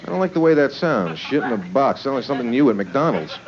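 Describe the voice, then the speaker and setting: A man's voice: medium pitch, very animated, fast talker. A man doing live stand-up comedy with leering, smutty joking, conversational and full of rhetorical questions. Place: live stage before a laughing audience. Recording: noisy, muffled live club recording.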